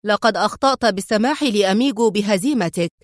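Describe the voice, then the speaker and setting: A woman voicing a menacing male crime boss who speaks in a cold, stern, deliberate way. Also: medium pitch, expressive, no room sound, studio quality, close to an everyday voice. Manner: stern, slow and icy.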